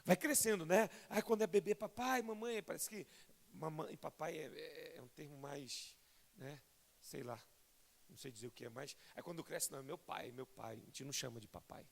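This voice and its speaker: A Brazilian man preaching a fervent sermon as a pastor, swelling from soft to loud and often calling listeners "querido". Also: a little high, moderate pace, gravelly. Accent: Brazilian Portuguese. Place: large church sanctuary. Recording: long hall reverb in church.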